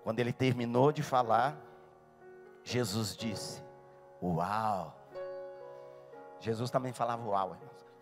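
A male pastor preaching a dramatic, animated sermon in a church. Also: mid-range voice, moderate pace, long pauses, over music. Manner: animated, dramatic storytelling with sudden shouts.

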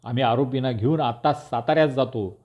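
A man's voice: medium pitch, fairly quick, darkish tone, close to an everyday voice. A man voicing an irritable male government officer who answers in a curt, snapping official tone, on a dull lo-fi recording. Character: irritable male district officer, haughty then cowed.

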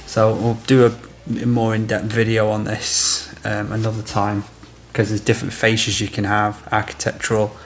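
In a small room of a house, an electrician in his thirties practically explains a job step by step during an on-site product demonstration. He speaks at normal speed with few pauses in a monotone, lowish voice, and there's a little hiss or hum.

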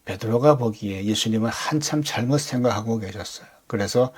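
A man's voice: on the low side, fairly quick, a little mellow, breathy edge. A man preaching a Sunday sermon as a pastor, talking conversationally and firing off rhetorical questions.

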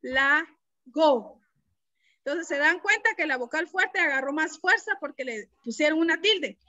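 A woman teacher speaks over a video-call microphone, her voice very high and bright. She explains a lesson patiently and keeps asking the class questions. The tone is that of a teacher leading an online lesson. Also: animated, a little fast, highs cut off. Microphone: computer mic on a video call.

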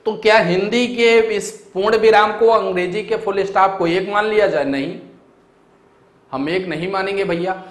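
A man's voice: sits high, moderate pace. A young man teaching a grammar lesson for exam preparation, explaining step by step and often checking that his students follow. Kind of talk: exam-prep grammar lecture. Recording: echoey room.

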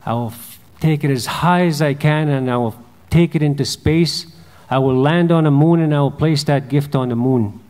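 A man voicing a proud male eagle in a told legend, with a slow storytelling delivery. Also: fairly high pitch, darkish tone, close to an everyday voice. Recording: long hall reverb.

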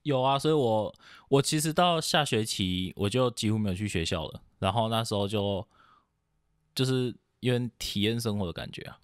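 A man's voice: on the low side, moderate pace, clean tone, no echo, studio quality. A young man from Taiwan talking casually as a podcast guest, rambling and hesitant, with many fillers and restarts. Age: young adult. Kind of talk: casual chat.

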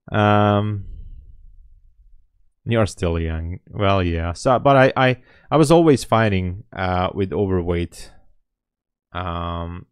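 A man's voice: sits low, smooth, no room sound, studio quality. A man in his late thirties chatting casually on a live trading stream, rambling and thinking aloud as he answers chat from a small room. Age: 30s. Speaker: day trading livestreamer.

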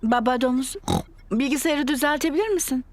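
A woman voicing a caring, sensible mother pig in a children's cartoon, motherly and gently firm. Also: high voice, a little fast, a little hiss or hum, natural voice. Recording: music behind the voice.

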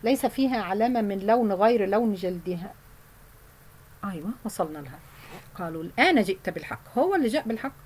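A woman with an Egyptian Arabic accent teaching Quran memorization, explaining in casual colloquial speech and reciting verses slowly. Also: medium pitch, expressive, a little mellow, slight background noise, poor audio.

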